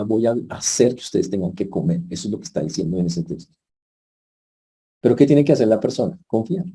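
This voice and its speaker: A man's voice: mid-range voice, mellow, husky. A male pastor, preaching a sermon in a conversational way and putting questions to the congregation. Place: church.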